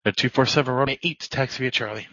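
A man's voice: mid-range voice, fast, pushed and bright, no room sound. A man working as an air traffic controller, giving clipped, businesslike procedural instructions over radio. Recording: slightly muffled radio audio.

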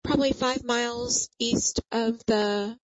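A woman's voice: on the high side, steady tone, slow pace, no echo. A woman speaking as a pilot over the radio to the tower, somewhat hesitant. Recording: dull, dry lo-fi radio transmission.

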